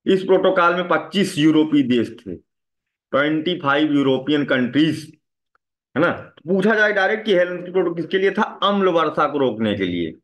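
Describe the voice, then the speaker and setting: A man's voice: a little high, lively intonation, normal speed. A man teaching a classroom lecture, often asking students questions and repeating a tag after his points. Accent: Hindi.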